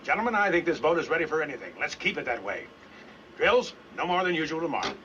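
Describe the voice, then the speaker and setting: A man's voice: a little high, sing-song, quick pace. A man playing a middle-aged American submarine captain in a 1950s war film, giving terse, controlled periscope callouts and commands. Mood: calm, firm. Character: stern, composed American submarine captain in wartime. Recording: dull old film soundtrack, loud engine noise.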